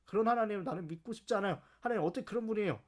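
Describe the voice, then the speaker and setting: A man acting out a grumbling, stubborn prophet of old who argues back with indignant protest in a raised, higher voice. He pleads and complains in an everyday spoken way, as in a lively Bible lesson. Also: fast.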